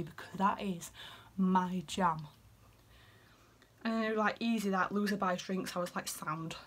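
Young woman, Yorkshire accent, chatty and giggly, casual vlog delivery with whispered asides. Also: mid-range voice. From Yorkshire, England. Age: 20s. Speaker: vlogger. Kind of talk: casual chat reading out messages.

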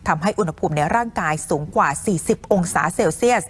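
ผู้หญิงรายงานข่าวตามบทด้วยน้ำเสียงผู้ประกาศที่สุภาพและเป็นทางการ. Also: female voice, lowish voice, expressive, fast talker, husky. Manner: formal, polite announcer delivery. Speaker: news presenter. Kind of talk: scripted news narration.

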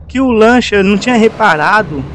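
A Brazilian man hosting a gaming video gives casual, slangy commentary on gameplay, packed with tag questions. His voice is high, animated, brisk, and slightly bright. Noisy game traffic and car sounds fill the background.

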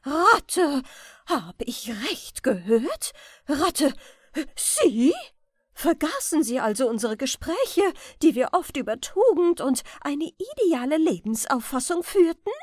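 A woman voicing an imperious, indignant queen in a fairy tale audiobook, scolding in shrill outbursts. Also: sing-song, a little slow, a little mellow, dry recording, clean studio sound, full character voice. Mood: furious.

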